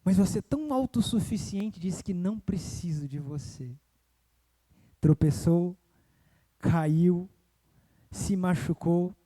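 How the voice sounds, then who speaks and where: A young man preaching a sermon in church, telling a personal story and rising to loud emotional cries. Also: high voice, slow pace, pauses often. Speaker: evangelist preacher. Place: church sanctuary.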